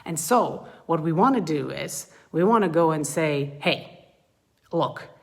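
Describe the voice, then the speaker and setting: A woman coaching parents in a live group talk, her voice low and full. She speaks earnestly and with animation, and often slips into acting out what a parent or child would say. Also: animated, normal speed, vocal fry.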